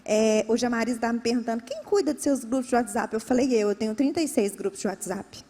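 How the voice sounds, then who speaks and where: Brazilian woman pastor preaching, high voice. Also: dark tone, long reverb tail. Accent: Brazilian Portuguese. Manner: emphatic, repetitive preaching with rising emphasis. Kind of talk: sermon. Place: church.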